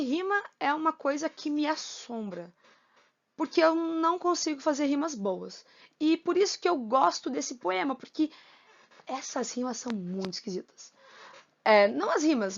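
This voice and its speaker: A woman's voice: high-pitched, creaky, lo-fi sound. A woman teacher giving a recorded lesson on poetry, explaining step by step and counting syllables aloud.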